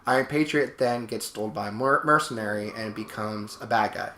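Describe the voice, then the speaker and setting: A man's voice: fairly low pitch, brisk, pushed and bright. A man chatting casually and emphatically over video game play as co-host, opinionated, often repeating and rephrasing his points. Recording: roomy echo, faint background noise.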